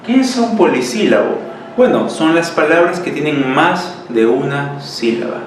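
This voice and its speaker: A man's voice: on the high side, expressive, unhurried. A male language teacher giving a lesson, explaining rules step by step and checking in with his students. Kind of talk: classroom lesson at a board. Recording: echoey room, mic far off, faint hiss.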